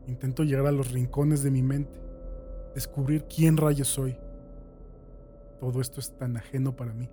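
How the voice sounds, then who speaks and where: A man with a slightly rough, higher-pitched voice reads a first-person horror story aloud as scripted dramatic narration. His delivery swings between hushed tones and shouting.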